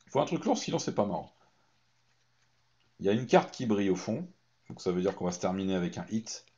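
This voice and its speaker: A hoarse man chatting excitedly through a card pack opening, hesitating often between remarks. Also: low-pitched, fairly quick. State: hoarse, lost voice from shouting. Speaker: card collecting YouTuber. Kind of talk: unboxing commentary. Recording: dull lo-fi recording.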